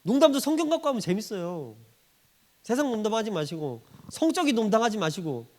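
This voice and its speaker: A man's voice: high-pitched, very animated, brisk, darkish tone. A male pastor preaching a sermon in a church, acting out quoted voices and laughing often.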